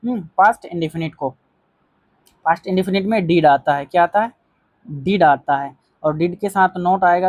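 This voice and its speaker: A teacher giving a grammar lesson, calling viewers friends, repeating key phrases and reading example sentences out slowly. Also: medium pitch, a little mellow, no room sound.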